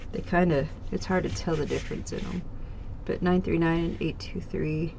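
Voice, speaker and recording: At an indoor home craft table, a woman who hosts a craft channel shows off stitching projects in loose, casual chat, often saying um and starting over. Congestion leaves her a bit nasal, and she speaks in a low voice with vocal fry, fairly even intonation, and normal speed against a noisy background.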